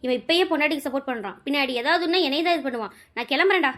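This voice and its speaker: A woman's voice: sits high, very fast, a bit bright. A woman voicing a bossy middle-aged mother-in-law who nags and complains indignantly.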